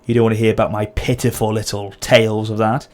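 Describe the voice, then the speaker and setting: With a sore throat and an occasional cough, this gameplay channel host casually narrates a strategy game, thinking aloud and revising as he goes. His voice sits on the low side, level in tone, and he talks fast.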